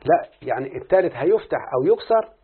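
A student with an Egyptian accent recites an Arabic morphology lesson in question-and-answer form, working through it step by step and repeatedly checking with his teacher. His voice is fairly high, lively and fast, with a crowd audible behind him. The recording sounds tinny, like a phone.

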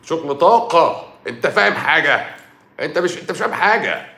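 Fast, mocking Egyptian man. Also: on the high side, sing-song, gravelly, bright, forceful tone. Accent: Egyptian Arabic. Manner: sarcastic, mocking, scolding. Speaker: doctor hosting a livestream. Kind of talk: casual livestream rant. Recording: roomy echo.

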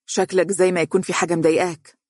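A man's voice: high-pitched, level tone, no room sound, clean studio sound. Narrator doing a boisterous young Egyptian man. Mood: lively. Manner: loud, joking, quick. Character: cheerful boisterous young male engineer graduate.

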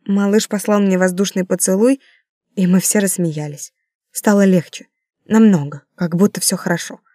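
A woman's voice: mid-range voice, steady tone, normal speed, warm tone, no echo, clean studio sound. A woman reading an audiobook in the first person, intimate and emotional. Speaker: audiobook narrator. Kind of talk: audiobook narration.

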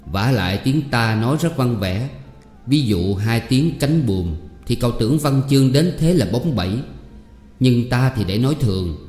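A man's voice: mid-range voice, lively intonation, darkish tone, natural voice. A man reading as an earnest lecturing father. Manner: measured, instructive, sentence by sentence. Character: earnest middle-aged father, patient lecturer. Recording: reverberant hall with faint music.

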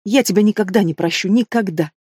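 An audiobook reader voices a hot-tempered teenage werewolf girl who is furious, defiant and sulky, hurling accusations and sharp sarcasm at her father in a storybook reading. The voice is natural, medium-pitched, fast and husky. The sound is dry and close, with no room sound.

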